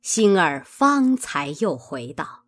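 Brief: woman storyteller, slow and measured, husky tone. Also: on the low side. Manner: measured, expressive. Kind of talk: storytelling narration of a classic novel.

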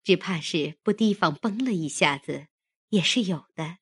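A woman voicing a loyal young maidservant who speaks softly and soothingly in an audiobook. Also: fairly low pitch, breathy edge, no echo. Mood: coaxing. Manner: soft, soothing, quick. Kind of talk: audiobook character reading.

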